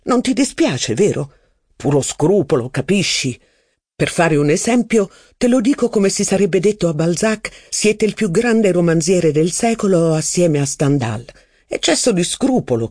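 A man putting on an excitable young aristocrat. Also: sits high, no echo, studio quality, voice pushed up, heavily acted. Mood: eager. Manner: excitable, insistent, quick to cheer. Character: eager, impetuous young aristocratic officer.

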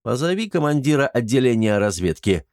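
A man reading an irritable young lord who barks orders at his slow-witted subordinates. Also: medium pitch, very animated, a little mellow, no echo, studio quality, voice pushed up. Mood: exasperated. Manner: brusque, exasperated, commanding.

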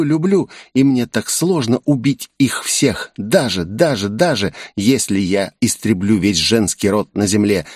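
A man's voice: mid-range voice, darkish tone, dry recording, studio quality, lightly acted. A man voicing a young female pop singer who sweetly sings about killing her first love, in an audiobook. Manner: sing-song, obsessive repetition. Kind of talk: audiobook character voice.

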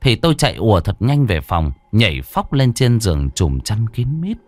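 Expressive male storyteller. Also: fairly low pitch, normal speed. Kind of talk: ghost story narration. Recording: dry close studio voice.

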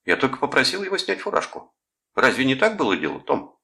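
A man's voice: mid-range voice, huge pitch swings, fairly quick, creaky, bright, forceful tone, voice pushed up, full character voice. A man voicing a teenage boy who clowns theatrically and plays falsely polite. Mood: fake innocent. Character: teen boy prankster faking a swooning woman.

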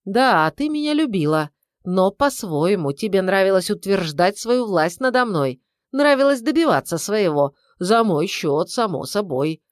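A woman's voice: medium pitch, big pitch swings, measured pace, no echo, clean studio sound. A woman doing a grumbling irritable husband. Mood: weary firm. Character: irritable grumbling middle-aged landowner husband.

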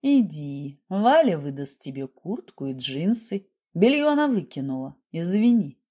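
A woman voicing a smooth, scheming male clinic doctor who coaxes calmly, in a lower, husky voice. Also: measured pace, exaggerated voice. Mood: coaxing. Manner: coaxing, calmly persuasive.

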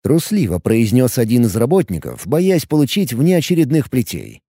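A man narrating a novel in a measured, expressive reading. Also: mid-range voice, slightly rough, dry recording, studio quality. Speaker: audiobook narrator. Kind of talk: scripted narration.

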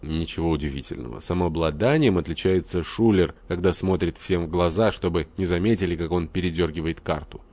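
A man's voice: low-pitched, a little fast, few pauses, darkish tone, no echo. A man reading a terse, gloomy man. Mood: glum. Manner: terse, glum.

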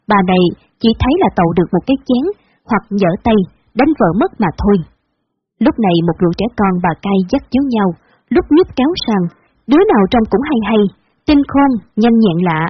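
Husky woman reading a story. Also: medium pitch. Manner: measured, storytelling. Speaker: narrator. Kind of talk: scripted story narration. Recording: dull lo-fi recording.

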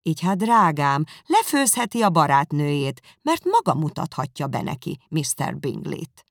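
An ironic, teasing father, calm and mock-serious, as a woman reading aloud puts him on. Her low, gravelly voice sits close and dry. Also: dry recording, exaggerated voice.

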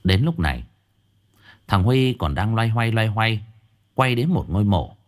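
A man's voice: lively intonation, a little slow. A man narrating a ghost story dramatically, dropping his voice for suspense. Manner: dramatic, drops pitch for suspense. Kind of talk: scripted narration. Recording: faint background music.

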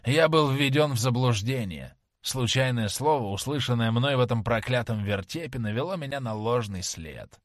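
A man reading a vengeful young sailor in an audiobook, speaking slowly and heavily. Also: mid-range voice, lively intonation, dry recording, studio quality, close to an everyday voice. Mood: remorseful. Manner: slow, heavy and menacing. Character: vengeful rough young sailor, grim and threatening.

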